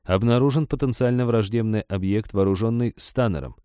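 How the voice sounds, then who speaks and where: A man's voice: fairly low pitch, a little fast, warm tone, clean tone, no room sound, clean studio sound, lightly acted. A man voicing an eager, helpful male cyborg who talks in stiff, report-like machine phrasing in an audiobook story. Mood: deadpan eager.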